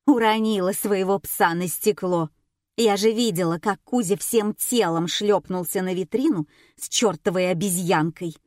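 A woman's voice: medium pitch, moderate pace, a little mellow, dry recording, studio quality, lightly acted. A woman voicing a haughty, condescending woman in her thirties. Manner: haughty, reproachful.

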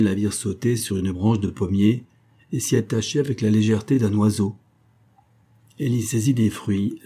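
Male audiobook narrator, measured and steady, mellow dark timbre. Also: lowish voice, slightly rough.

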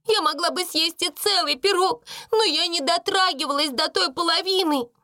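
A woman voicing a frightened poor young servant girl who pleads in a high, tearful voice in a storybook reading. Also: normal speed, pushed and bright, no room sound, clean studio sound, heavily acted. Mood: sobbing pleading.

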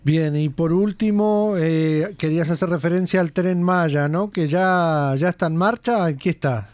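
A man's voice: fairly high pitch, a little slow, darkish tone, no room sound. A middle-aged man hosting a radio interview with brief, courteous prompts and a polite sign-off. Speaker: radio host.

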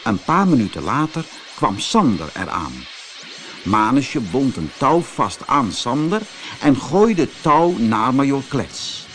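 Slow, lively man reading a children's story. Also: mid-range voice, faint music behind. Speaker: audiobook reader. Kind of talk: fairy-tale narration for children.

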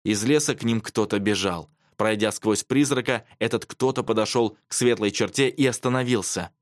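A man reading a children's adventure story aloud as narrator, measured and even. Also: fairly low pitch, no room sound, clean studio sound. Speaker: audiobook narrator. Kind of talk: scripted narration.

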